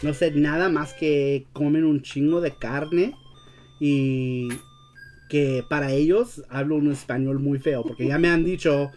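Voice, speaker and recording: A man who grew up in Los Angeles hosting a casual live-stream chat, speaking slangy Mexican-style Spanish learned as a second language, with English as his native tongue, often pausing to search for words. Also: a little high, a little mellow, soft background music. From United States, grew up in Los Angeles. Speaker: show host.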